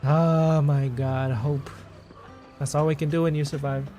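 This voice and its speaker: A man's voice: fairly high pitch, little pitch movement, measured pace, warm tone, faint music behind. A man casually reacting to a video game, hyper and joking, swearing and laughing a lot.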